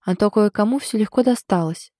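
A woman's voice: medium pitch, fairly quick, dry recording, studio quality, pitched above the performer's own voice, natural voice. A woman reading the lines of a stubborn, ironic young wife in an audiobook. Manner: ironic, sulky, sharp.

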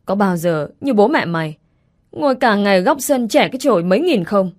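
A woman's voice: medium pitch, animated, fairly quick, a little mellow, close to an everyday voice. A woman voicing a blunt, nagging older rural mother.

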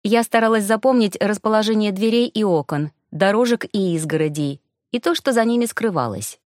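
Audiobook narrator: woman, mid pitch, even wry delivery, dry booth sound. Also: brisk, no room sound. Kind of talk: scripted narration. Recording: dry close studio sound.

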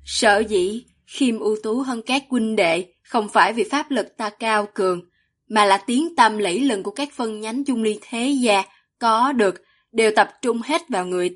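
A woman voicing a composed, dignified young male clan heir in a fantasy audiobook. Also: a little high.

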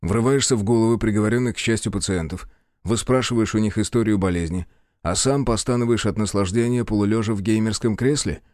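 A man's voice: on the low side, a little fast, a little mellow, no echo, studio quality, natural voice. A man voicing a blunt, sarcastic patient. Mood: sardonic. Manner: sarcastic, brusque. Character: blunt, sardonic male psychiatric patient.

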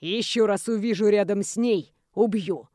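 A woman reading an audiobook, voicing a young man who speaks quietly, calmly and with menace. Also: medium pitch, moderate pace, dry recording, studio quality, pitched below the performer's own voice, close to an everyday voice. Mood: quietly menacing.

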